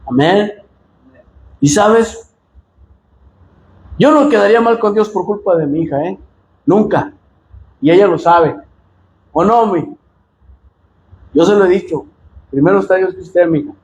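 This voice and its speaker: A man with a Mexican accent preaching a sermon as pastor, impassioned and direct with the congregation, often rising to shouts. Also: fairly high pitch. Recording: echoey room with faint noise.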